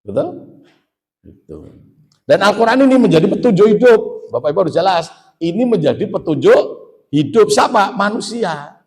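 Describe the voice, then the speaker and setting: A man's voice: high voice, big pitch swings, normal speed, long pauses, darkish tone. A man with a Javanese accent preaching a folksy, joking sermon, often calling out to the audience. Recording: echoey hall reverb.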